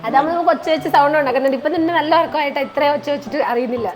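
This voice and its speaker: A woman's voice: sits high, rapid-fire, faint music behind. A woman, chatting casually in a family home vlog. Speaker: vlogger's wife, new mother.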